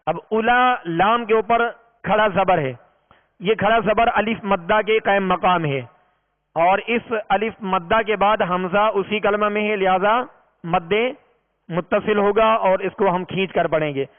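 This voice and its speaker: Slow, high-voiced man teaching recitation. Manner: patient, explains step by step, drawls out long vowels in recitation. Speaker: Quran reading teacher. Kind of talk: recorded tajweed lesson. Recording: tinny, reverberant lo-fi recording.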